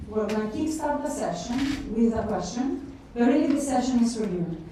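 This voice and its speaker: A woman's voice: a little high, lively intonation, moderate pace, dark tone, a little hiss or hum. A woman moderating a university careers panel, inviting questions from the audience. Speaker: event moderator. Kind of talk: hosting a panel discussion. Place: university lecture theatre. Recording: echoey lecture theatre from far off.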